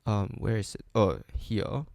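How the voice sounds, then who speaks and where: Slow, gravelly man thinking aloud. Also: on the low side, a little mellow, dry recording. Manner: hesitant, full of ums and restarts, self-deprecating. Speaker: coding streamer. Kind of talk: thinking aloud while live coding.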